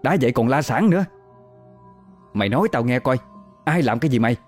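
A man's voice: medium pitch, sing-song, a little fast, darkish tone, soft background music, voice pushed up. A man voicing a spiteful old village widow who is secretly a flying-head ghoul, in a scolding tirade.

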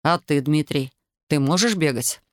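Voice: mid-range voice, measured pace, no room sound, studio quality, close to an everyday voice. A reader voicing a stubborn young male officer who answers in a curt, restrained way in an audiobook. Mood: bitter. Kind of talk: audiobook character voice.

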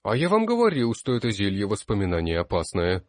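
A man's voice: on the low side, wildly swooping pitch, brisk, dry recording. A man voicing an anxious young male student in an audiobook, warning the others urgently and insistently. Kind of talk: audiobook character voice.

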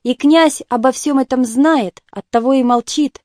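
Woman reading as a whiny bitter old-school doctor guy, groaning and flaring up, kinda high, dry close sound. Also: measured pace, a little mellow, dry recording. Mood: agitated. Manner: plaintive, groaning, rising to agitated outbursts. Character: bitter, self-pitying male doctor, wounded and theatrical. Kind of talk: audiobook character reading.

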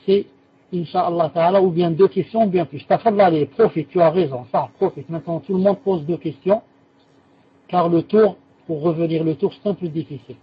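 A man's voice: on the high side, a little fast, slightly rough, no room sound, highs cut off. A man teaching a religious lesson and answering students' questions, patiently repeating key terms and correcting himself as he explains.

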